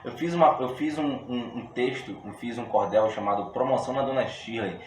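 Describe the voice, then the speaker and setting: A man with a Brazilian Portuguese accent teaching a poetry workshop lesson in a relaxed, slangy way, explaining step by step with frequent restarts. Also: mid-range voice, moderate pace. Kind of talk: casual video lesson. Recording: roomy echo with faint room noise.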